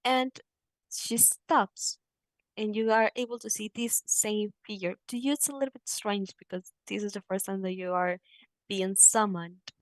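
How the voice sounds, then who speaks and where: A woman's voice: medium pitch, steady tone, unhurried, no room sound. A woman narrating a tabletop game as game master, speaking hesitantly with frequent restarts.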